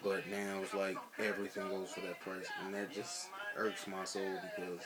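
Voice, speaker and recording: A man's voice: low voice, monotone, normal speed, a loud crowd. An American man in a casual rant to camera, blunt and emphatic, swearing heavily and repeating himself for emphasis. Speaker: sneaker vlogger.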